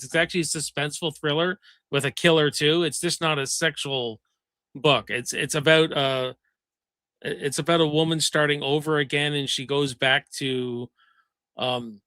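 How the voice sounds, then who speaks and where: A man hosts a casual livestream with a bright, forceful voice pitched a little above the usual. He reads viewer comments aloud with plenty of ums and uhs. The sound is dry and close. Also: no echo. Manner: reads chat comments aloud, many fillers. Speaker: livestream host.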